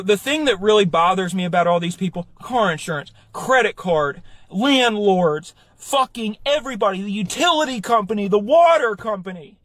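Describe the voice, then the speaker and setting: A high-voiced man tears through an exasperated stand-up rant, swearing freely and building to shouts. The delivery is performed comedy, pitched well above the usual male range. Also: dry recording. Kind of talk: ranting stand-up monologue.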